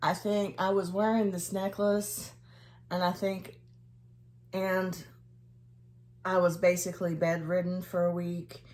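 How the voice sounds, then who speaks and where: A woman's voice: fairly low pitch, little pitch movement, slow, long pauses, darkish tone. A woman chatting casually to camera as a vlogger, in a hesitant, rambling way that trails off.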